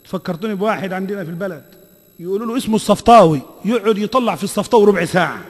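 Egyptian guy preaching, really high voice, hammers words over and over, reverb from the hall. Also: very fast. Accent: Egyptian Arabic. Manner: emphatic, repeats phrases, quizzes the audience. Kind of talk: sermon.

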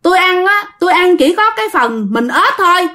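A woman's voice: fairly high pitch, a little fast, lightly acted. Woman doing a sly grinning ghost man. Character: sly grinning male ghost posing as a frog catcher.

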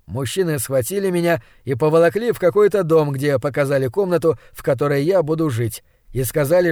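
A man's voice: a little high, a little mellow, no room sound, studio quality. A man narrating an audiobook in the first person, sardonic and crude.

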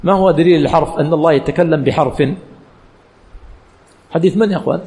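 A man's voice: fairly high pitch, fast, mellow, long reverb tail. A male religious teacher giving a classroom lecture, quizzing the students with questions that he answers himself and repeating key phrases.

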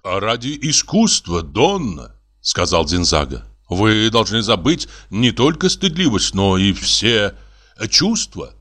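A man's voice: fairly low pitch, big pitch swings, measured pace, fairly bright tone, full character voice. A man voicing a courtly male novelist with a flowery, pompous manner in an audiobook reading.

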